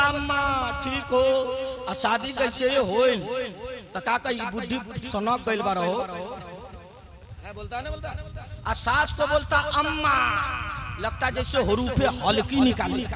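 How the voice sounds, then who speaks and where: A man preaching an Islamic sermon at a large gathering. He builds to shouted climaxes and jokes and banters with the crowd. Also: very high voice. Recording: loud crowd at a live gathering.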